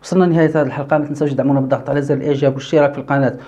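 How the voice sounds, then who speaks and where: A man with a Moroccan Arabic accent giving casual political commentary as a channel host, animated, with frequent fillers and self-corrections. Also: mid-range voice, racing. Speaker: YouTube news commentator.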